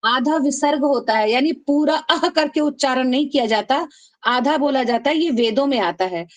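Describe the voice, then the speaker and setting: A woman teaching an online class, affectionately calling her students "beta" and chanting rules slowly for them to repeat. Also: sits high. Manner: calls students "beta", drills them call-and-response. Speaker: Sanskrit teacher.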